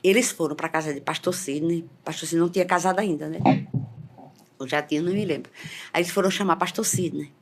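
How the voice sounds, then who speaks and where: Middle-aged lady, fervent testimony, lowish voice, keeps repeating herself, gets loud and high in the big moments. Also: fast, a little hiss or hum. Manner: repetitive, fervent, voice rising when reliving scenes. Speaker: church member giving testimony. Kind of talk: emotional testimony storytelling.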